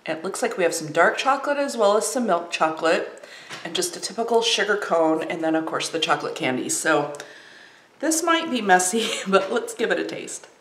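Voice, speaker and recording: A woman's voice: medium pitch, very animated, moderate pace, a little hiss or hum. A woman chatting casually while reviewing and tasting snacks, with lots of ums. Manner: chatty, warm, frequent ums. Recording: roomy echo.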